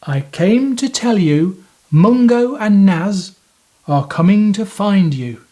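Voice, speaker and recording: A muddled old creature with a tail from a children's storybook, as a man puts him on, forgetful and always repeating himself. His voice sits high, with a slow, unhurried delivery. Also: lively intonation, warm tone. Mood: eager.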